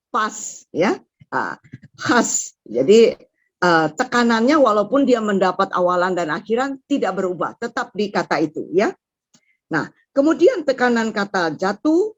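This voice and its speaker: A woman's voice: mid-range voice, no echo. A woman giving a lecture on writing liturgical songs, explaining step by step and stopping to sing example notes. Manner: explains step by step, often ends phrases with "ya", sings example notes. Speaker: liturgical music instructor. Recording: dull lo-fi recording.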